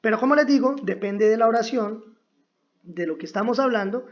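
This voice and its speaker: A woman's voice: fairly high pitch, fairly quick, lo-fi sound. A woman teaching English grammar, speaking patiently and checking in often with her listeners. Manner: patient, repetitive, asks "¿cierto?" often. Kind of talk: slow, drilled grammar lesson.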